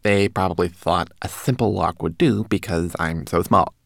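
A man's voice: sits low, normal speed, vocal fry, dry recording, clean studio sound. A man voicing a tiny, polite and clever male homunculus who is timid and courteous, a little conceited.

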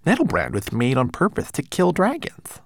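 A man's voice: fairly high pitch, wildly swooping pitch, normal speed, no echo, clean studio sound, voice pushed up. A man voicing a small, fussy male homunculus who speaks in a prim, precise way. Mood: insistent.

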